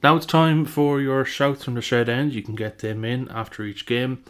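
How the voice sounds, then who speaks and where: A man's voice: medium pitch, steady tone, normal speed, slight background noise. A man reading a scripted podcast announcement.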